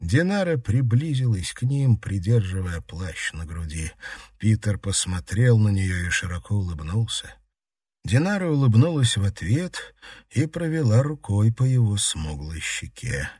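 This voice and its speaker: A male audiobook narrator reads with a husky, somewhat low voice and a lively, rising and falling melody. The recording is close and dry. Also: a little slow, no echo.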